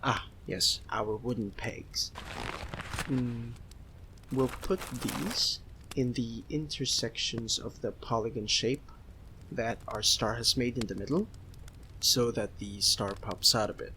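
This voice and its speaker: Speaking slowly at medium pitch against a noisy background, a man performs an ASMR roleplay as a sweet, apologetic young Filipino friend who is giddy and homesick. He chats casually, giggling and hesitating with soft excitement, in a cheerful, instructing mood.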